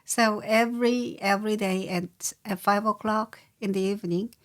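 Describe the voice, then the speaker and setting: An older woman from South Korea with a Korean accent, answering interview questions slowly, with many pauses and fillers. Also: medium pitch, steady tone. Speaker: guest. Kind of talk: casual interview.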